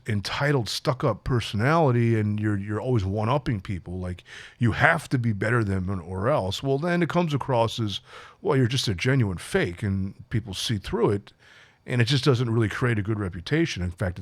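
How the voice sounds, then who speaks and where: A man's voice: medium pitch, dry recording. A man who works as a life coach, talking casually and reflectively to his audience, with frequent fillers and restarts. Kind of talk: solo talk to camera.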